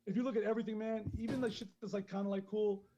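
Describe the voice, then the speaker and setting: A man who grew up in Queens, high and chatting casually as a podcast guest, rambling, swearing a lot and laughing often. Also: fairly even intonation, very fast, mellow, a little hiss or hum. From born in Honduras, grew up in Queens, New York. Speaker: guest caller, clothing brand founder. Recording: dull lo-fi phone call.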